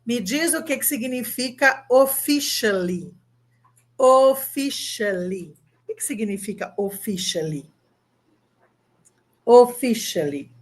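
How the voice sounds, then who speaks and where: Brazilian woman, English teacher, online lesson, upbeat, drills and spells words slowly. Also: fairly high pitch, expressive, breathy edge. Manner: upbeat, coaxing, asks the viewer to answer.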